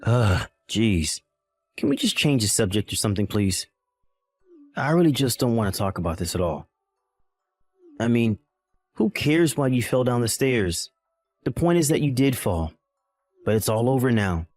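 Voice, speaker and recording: A man's voice: mid-range voice, sing-song, normal speed, long pauses, darkish tone, faint music behind. A man voicing a dismissive, callous young husband in a text-message drama, irritated and belittling.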